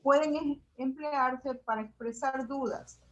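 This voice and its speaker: Slow, high-voiced woman reading a lesson. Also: a little hiss or hum. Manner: slow, careful reading of examples. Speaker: student presenter. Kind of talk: reading a class presentation. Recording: dull lo-fi audio.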